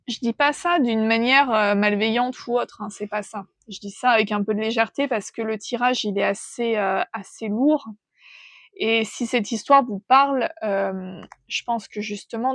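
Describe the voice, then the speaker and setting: A woman giving an intuitive tarot reading, thinking aloud in a gentle, hesitant way as she feels out the cards. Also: on the high side, no room sound. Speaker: tarot reader.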